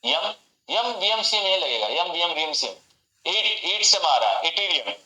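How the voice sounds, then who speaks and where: Man, teacher, bright tone, echoey room, repeats each cue, online class. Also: sits high, sing-song, a little slow. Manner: repetitive, call-and-response mnemonics. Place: home room.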